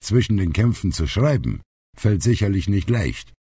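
A man reading an audiobook, voicing a blunt, outspoken old grandfather who is gruff but loving. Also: lowish voice, sing-song, normal speed, mellow, no room sound, voice pushed up, heavily acted. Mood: dry. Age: older. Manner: blunt, plainspoken.

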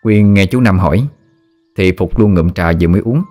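A man narrating a ghost story in a calm, measured way. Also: deep voice, soft background music.

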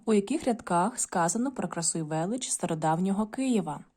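A woman's voice: mid-range voice, expressive, fairly quick, warm tone. A woman teaching a video lesson to primary school children, patient and instructive, often addressing them directly.

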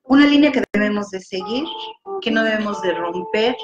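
A woman's voice: medium pitch, lively intonation, moderate pace, lo-fi sound. A woman chatting about a novel, speaking hesitantly with many fillers. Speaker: book discussion co-host. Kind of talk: casual book chat. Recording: clear music playing behind.

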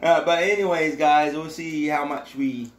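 A man's voice: on the high side, steady tone, a little slow. A man in his thirties chatting casually as co-host of a food review in a living room. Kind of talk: casual chat. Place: small living room, indoors. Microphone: camera or phone at arm's length. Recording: roomy sound with background noise.

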